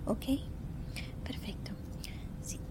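A woman doing a whispered role-play as a courteous, caring flight attendant, speaking softly and politely into a close microphone. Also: drawn-out words. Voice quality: soft, mostly unvoiced whisper. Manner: gentle, attentive, polite service talk with diminutives. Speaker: ASMR performer playing a flight attendant. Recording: rumbling background noise.

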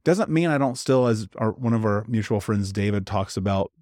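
A man's voice: lowish voice, animated, moderate pace, a little mellow, dry recording, studio quality. A man in casual podcast conversation, talking candidly and with emphasis, dropping slang like dude and bro.

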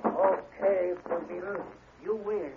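An actor playing a brash, gruff male gangster in a 1940s radio drama. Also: high voice, steady tone, slow pace, narrow, tinny audio, exaggerated voice. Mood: menacing. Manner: brash, gruff tough-guy talk. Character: rough male gangster kidnapper. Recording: scratchy old radio recording.

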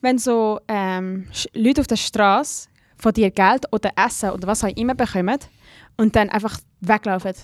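A woman's voice: mid-range voice, normal speed, few pauses, dry recording, clean studio sound. A young woman co-hosting a podcast in bubbly, slangy casual chat. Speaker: podcast co-host.

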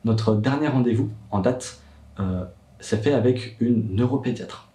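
With a warm, mid-range voice and a measured pace, a young man talks about his worries as a father in a vlog monologue. The mic is distant and the room echoey, and he hesitates often, restarting and using fillers, his voice climbing when upset.

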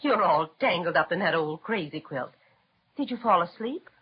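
A caring, fussing mother with a breathy, husky voice. Her speech moves up and down a lot. It comes through a dull 1930s radio transcription. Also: on the low side, lively intonation, normal speed. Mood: worried. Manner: fussing, solicitous. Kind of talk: 1930s radio drama acting.

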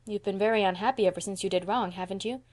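A gentle young woman from a storybook , voiced by a woman reader. She speaks softly and patiently, with the kindly gravity of someone comforting a child. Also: medium pitch, fairly even intonation, quick pace, close to an everyday voice. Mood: gentle, grave. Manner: soft-spoken, grave, kindly. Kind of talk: audiobook character voice.

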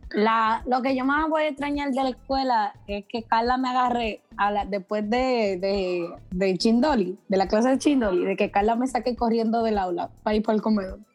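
A woman's voice: on the high side, normal speed, soft background music. A young woman, chatting and reminiscing casually as a student podcast guest. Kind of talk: casual chat.

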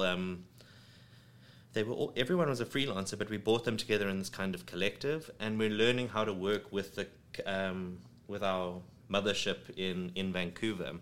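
Speaking from his home studio into a studio mic, this creative studio head is a guest being interviewed. He's a South African man whose lowish voice has a fairly bright tone, and he talks casually, wandering with frequent ums and false starts.

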